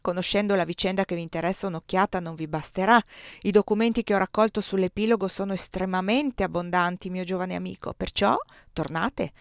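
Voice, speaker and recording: A woman's voice: lowish voice, fairly quick, no room sound, studio quality, natural voice. A woman reading the part of a pompous, smug older male archivist in a pedantic, mannered way, in a storybook reading.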